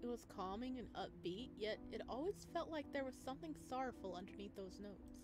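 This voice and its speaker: Over background music, a let's player reads visual novel narration in a fairly high voice at a slightly quick pace. She reads expressively and keeps breaking off for chatty asides.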